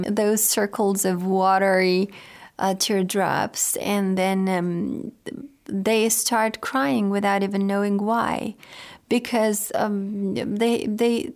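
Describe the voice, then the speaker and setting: A woman radio host, not a native English speaker, giving a talk on religious literature in a halting, hesitant way with drawn-out words. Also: medium pitch.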